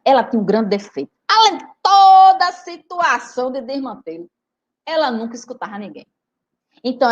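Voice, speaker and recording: A teacher and writer from Recife, Brazil gives a lively storytelling lecture, speaking directly to her audience in an animated, chatty way. Her voice sits high and swings widely in pitch, staying expressive throughout.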